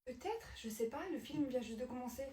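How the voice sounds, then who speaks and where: A woman voicing a meek, patient teenage girl who answers softly and apologetically. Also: a little high, fairly quick, reverberant, recorded from a distance, a little hiss or hum, lightly acted. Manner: soft, apologetic, hesitant.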